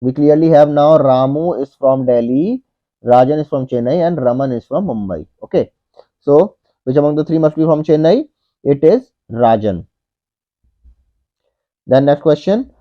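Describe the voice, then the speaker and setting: A man's voice: fairly high pitch, moderate pace. A man in his thirties, an online tutor, working through a logic puzzle step by step, repeating each point and saying "okay" often. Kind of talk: whiteboard puzzle walkthrough. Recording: dull lo-fi audio.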